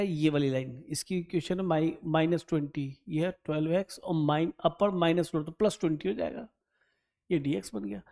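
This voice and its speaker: A male maths teacher works through an exam problem out loud, muttering and humming as he checks his sums. He talks to his students directly and often asks them to confirm each step. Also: high voice. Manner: thinks aloud while calculating, humming and checking numbers; chatty, addresses students directly and keeps asking "right?".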